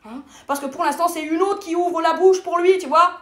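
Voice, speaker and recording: Woman, comic sketch monologue, high-pitched, stammering, crude, echoey room. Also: moderate pace, fairly bright tone. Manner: stammering, blunt, crude punchlines. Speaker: comedian.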